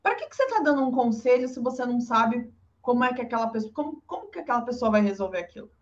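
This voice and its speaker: Speaking fast with a fairly high voice, a woman gives advice in a casual chat. She's animated and often voices the words of others, captured on a dull lo-fi recording.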